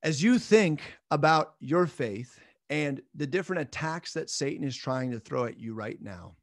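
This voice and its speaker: A man in his thirties with a fairly high voice gives an earnest, encouraging Bible lesson on webcam. The sound is dry and close, with no room around him. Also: expressive, normal speed, no echo. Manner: earnest, encouraging, jokes at his own slips. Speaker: church minister. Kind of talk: recorded midweek Bible lesson.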